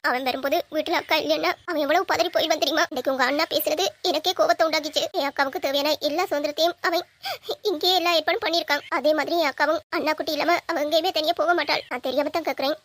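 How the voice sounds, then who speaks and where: A woman's voice: high-pitched, fairly bright tone, dry recording. Woman voicing a tearful, fiercely loyal young sister. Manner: earnest, pleading, reproachful. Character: young woman fiercely defending her brother. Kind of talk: amateur audio drama.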